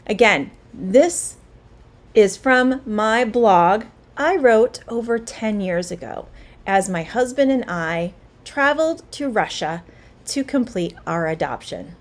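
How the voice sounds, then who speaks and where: A middle-aged woman teaching a spoken English lesson, slow, clear and encouraging. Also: medium pitch, lively intonation.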